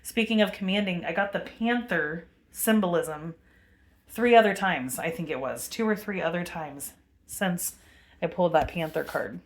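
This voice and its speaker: A woman with a commanding, lowish voice delivers a meandering spiritual vlog monologue to her camera, full of fillers and pauses. A webcam captures the audio.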